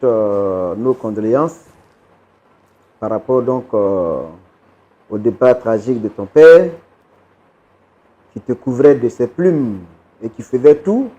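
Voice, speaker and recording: A man speaking as a pastor on a talk show, asking a guest questions in a halting way with many fillers. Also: medium pitch, warm tone, highs cut off.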